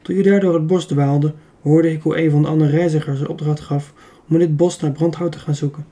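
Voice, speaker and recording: A man reading an audiobook, voicing a self-assured young woman who calmly argues her plan. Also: fairly high pitch, fairly quick, lightly acted. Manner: calm, persuasive. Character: very young woman, confident and clever.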